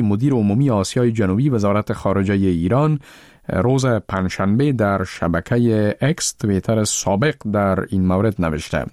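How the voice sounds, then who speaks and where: A man reading the radio news as anchor in a measured, formal way. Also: lowish voice, a little mellow, no echo, clean studio sound.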